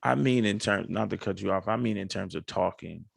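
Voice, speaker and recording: Gravelly, husky deep-voiced man. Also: brisk, no echo. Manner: hesitant, polite, hedging. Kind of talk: casual podcast chat.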